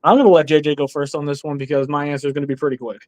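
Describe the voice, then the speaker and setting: A man's voice: on the high side, fairly even intonation, rapid-fire, a little mellow, no echo, poor audio. Blunt, opinionated man with a raised voice. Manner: blunt, opinionated, laughs often. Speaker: stand-in co-host. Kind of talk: casual live toy discussion.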